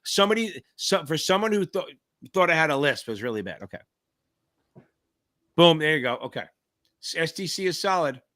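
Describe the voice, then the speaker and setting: Man, middle-aged, livestream host, hyped and swearing, fairly high voice, bright and forceful. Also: lively intonation, normal speed, long pauses. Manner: hyped, profane, shouty cheers; reads out viewer names and answers them. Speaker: livestream host and exam tutor. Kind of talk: live Q&A chat.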